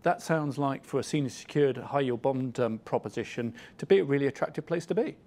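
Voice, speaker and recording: A man with a medium-pitched voice hosts a financial interview. He frames his questions formally, pausing and feeling his way through longer phrases. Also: darkish tone. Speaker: interviewer, host.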